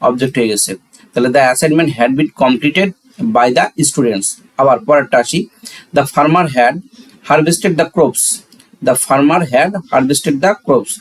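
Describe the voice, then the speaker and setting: Over poor audio, a medium-pitched man with a Bangladeshi accent gives a step-by-step, classroom-style grammar lesson. His instructional manner involves posing and answering his own questions, and he switches back and forth between Bengali and English.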